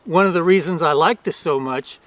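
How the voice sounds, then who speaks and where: A man's voice: on the high side, brisk, fairly bright tone, dry recording. A man giving a casual, plain-spoken video review as a rancher, recorded outdoors.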